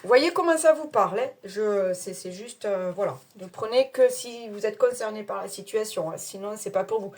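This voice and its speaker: A woman's voice: mid-range voice, normal speed, hardly any pauses, darkish tone. A woman with her own accent, reading tarot cards to her viewers in a casual, hesitant way with many fillers. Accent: non-standard French accent. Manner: chatty, hesitant with many fillers, laughs at herself. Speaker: tarot card reader.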